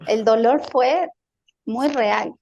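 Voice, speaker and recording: A woman's voice: on the high side, slow, vocal fry, a little mellow, lo-fi sound. A woman in an interview, telling a personal experience in a casual, hesitant way and repeating words as she searches for them. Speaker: guest recounting a healing experience.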